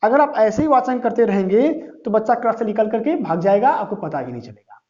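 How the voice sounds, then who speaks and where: A man's voice: high-pitched, sing-song, brisk, darkish tone. A man teaching a class-style lecture, asking questions and answering them himself, often checking in with "okay". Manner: asks and answers his own questions; says "thik hai" often. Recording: dull lo-fi sound.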